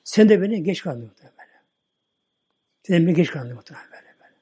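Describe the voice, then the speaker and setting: A man voicing a kind, luminous spirit being who calmly reassures a frightened soul in the grave. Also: sits high, fast, husky, exaggerated voice. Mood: gentle. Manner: calm, reassuring.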